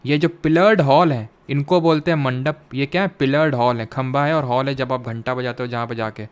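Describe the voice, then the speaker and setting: A man's voice: mid-range voice, fairly even intonation, brisk, clear, resonant tone. A young man with an Indian accent teaching an exam-prep history class. He puts questions to his students, answers them himself, and drops English terms into his speech. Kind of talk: classroom lecture with quiz questions.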